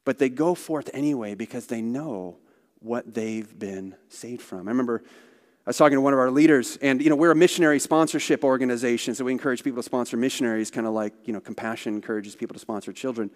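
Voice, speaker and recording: A man's voice: mid-range voice, quick pace. A man speaking for a missionary organization, telling stories in a conversational church talk with asides. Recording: long hall reverb.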